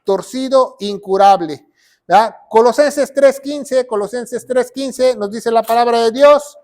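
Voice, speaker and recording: A man's voice: very high voice, takes it slowly, darkish tone. A man preaching as a pastor and Bible teacher, asking rhetorical questions and reading verses aloud. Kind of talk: sermon teaching.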